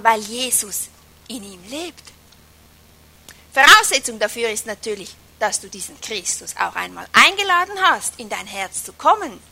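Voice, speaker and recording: A woman preaching a sermon with strong emphasis, swinging from loud stresses down to whispers and slowing on key phrases. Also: fairly high pitch, husky. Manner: emphatic, varies loudness a lot, drops to a whisper at times.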